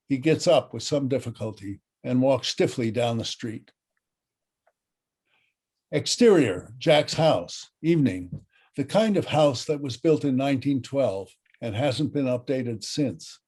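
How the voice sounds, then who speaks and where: A man reads out the stage directions of a script in a dry, matter-of-fact voice. His voice is mellow and warm, in a middle pitch. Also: breathy edge. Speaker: narrator.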